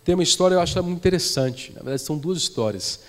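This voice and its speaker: A man's voice: on the high side, expressive, racing, long reverb tail. A man with a Brazilian Portuguese accent preaching a sermon, telling stories and repeating phrases for emphasis. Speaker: pastor. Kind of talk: sermon with storytelling. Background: soft guitar from the worship band.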